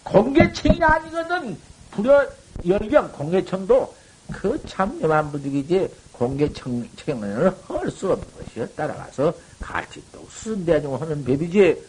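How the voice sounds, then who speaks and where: A man giving a dharma talk to monks, folksy and colloquial, swinging from loud exhortation to low murmurs. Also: big pitch swings, unhurried, background noise. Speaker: Buddhist monk teaching.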